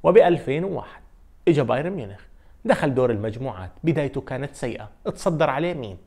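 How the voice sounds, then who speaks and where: Fast-talking Levantine man, football countdown. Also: medium pitch. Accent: Levantine Arabic. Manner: fast, animated storytelling with frequent fillers. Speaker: sports video host. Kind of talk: energetic football countdown commentary.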